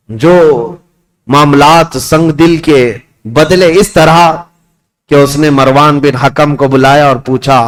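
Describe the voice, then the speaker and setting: Man, fervent sermon, somewhat high voice, rises at key moments. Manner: impassioned storytelling, rising pitch at climaxes; addresses listeners as dear ones. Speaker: Islamic preacher.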